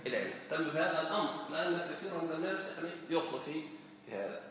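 A man teaching Arabic grammar to a class, lively and quizzing his students with questions. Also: a little high, racing. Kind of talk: classroom lesson. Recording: echoey hall, recorded from far off.

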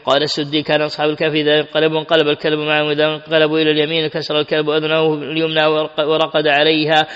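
Fast, flat-voiced man reading commentary. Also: fairly high pitch, clear, resonant tone. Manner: reads steadily with frequent self-corrections and restarts. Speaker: Quran commentary reader. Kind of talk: reading classical tafsir aloud. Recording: dull lo-fi recording with long hall reverb.

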